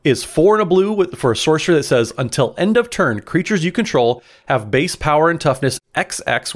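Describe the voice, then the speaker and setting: A man co-hosting a casual podcast, chatting enthusiastically and reading out game card text. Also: on the high side. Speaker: podcast co-host.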